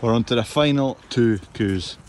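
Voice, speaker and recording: A man's voice: mid-range voice, normal speed. A young man, a farmer chatting casually to a body-worn camera while he works cattle in an outdoor yard. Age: young adult. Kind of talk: casual farm vlog narration. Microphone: body-worn action camera. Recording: loud outdoor noise, clanking gates.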